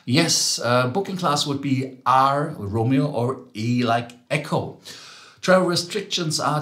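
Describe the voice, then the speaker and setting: A man's voice: medium pitch, a bit bright, reverberant. A man with a German accent hosting a travel news show, chatting casually with many ums and self-corrections.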